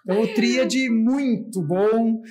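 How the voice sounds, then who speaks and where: A man as a podcast guest, explaining local words haltingly with many restarts. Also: extremely high pitch, darkish tone. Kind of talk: casual chat.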